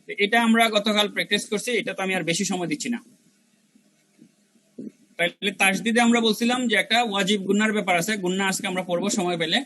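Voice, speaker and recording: A man with a high, bright voice and fairly even intonation teaches Arabic letter pronunciation in an online review class, on poor audio. He demonstrates syllables by repeating them slowly, speaking colloquially and mixing in English words.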